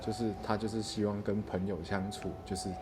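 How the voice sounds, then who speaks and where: A man's voice: lowish voice, flat delivery, fairly quick. A man interviewing someone in a casual, chatty way, prompting and paraphrasing the answers. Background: music.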